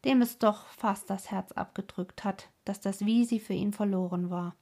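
An earnest sister read by a woman recounts sad news with firm sorrow. Her voice is breathy and sits at a middle pitch. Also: fairly even intonation, moderate pace, darkish tone, lightly acted. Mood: indignant. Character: earnest, devoted sister telling a sad tale.

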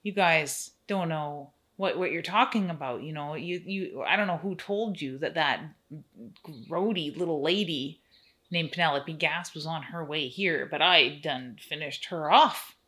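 A prim, folksy farm woman with a menacing edge, put on by a woman telling a story. She scolds in a soft, low voice, stumbling and repeating herself, leaning on prissy euphemisms. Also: unhurried. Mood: prissy scolding.

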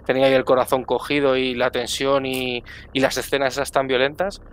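A man's voice: medium pitch, little pitch movement, fairly quick, clear, resonant tone. Effusive man giving feedback. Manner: effusive, repeats words for emphasis. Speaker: tabletop game player giving feedback. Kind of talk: casual post-game feedback chat.

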